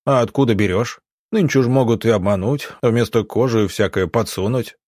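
A man's voice: medium pitch, normal speed, darkish tone, dry recording, studio quality, lightly acted. A man reading an audiobook, voicing a shrewd country doctor who asks sly, casual questions. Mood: probing. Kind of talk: audiobook character voice.

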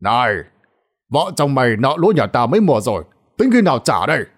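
A man's voice: mid-range voice, sing-song, quick pace. A man voicing a stern, rich old landlord in a storybook tale who scolds and threatens.

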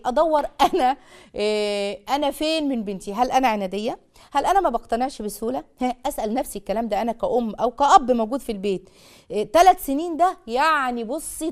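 A woman with an Egyptian accent hosting a call-in parenting advice show, giving fast and emphatic advice like a teacher. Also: high voice, darkish tone. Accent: Egyptian Arabic.

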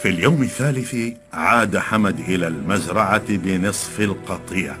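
A man narrating a folk tale in a calm, measured storytelling voice. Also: low-pitched. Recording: background music.

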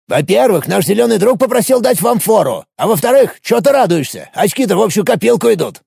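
A man narrating an audiobook and voicing a cheeky, boastful male dwarf who complains loudly. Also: big pitch swings, brisk, no echo, studio quality, exaggerated voice. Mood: indignant. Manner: gravelly, squeaky and complaining. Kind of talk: audiobook character voice.

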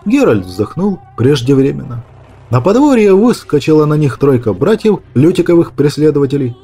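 Husky man reading an audiobook dramatically. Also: fairly high pitch, moderate pace. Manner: dramatic, lively storytelling. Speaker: audiobook reader. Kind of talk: expressive audiobook narration.

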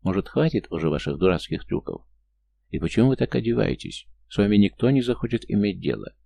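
A man doing a gruff, scornful ex-spy. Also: on the low side, expressive, fast, dark tone, pitched above the performer's own voice. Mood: irritated. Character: rude, irritable former male intelligence officer.

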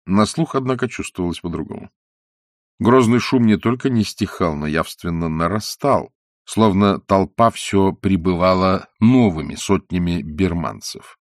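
Low-voiced man reading an audiobook. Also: measured pace, no room sound, clean studio sound. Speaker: audiobook narrator. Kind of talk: scripted narration.

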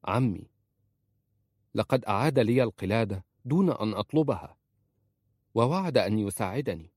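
A man's voice: on the low side, animated, moderate pace, darkish tone, no room sound, clean studio sound. A man voicing a pleading young wife. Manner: pleading, earnest.

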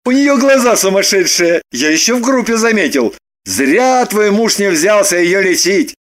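Woman doing a gruff irritable brother. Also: mid-range voice, very animated, normal speed, close to an everyday voice. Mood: irritated. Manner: gruff, scolding. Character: grumpy adult brother, irritable and blunt.

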